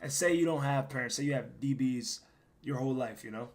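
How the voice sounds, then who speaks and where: Fairly quick and medium in pitch, a hoarse young gaming streamer swears his way through casual commentary on his play. Between plays he rambles, and every so often he breaks into loud shouting.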